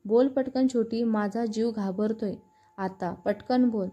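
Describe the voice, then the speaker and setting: A woman's voice: a little high, unhurried, warm tone, lo-fi sound, faint music behind. A woman voicing a stern, protective elder sister who scolds and lectures her younger sister. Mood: pressing.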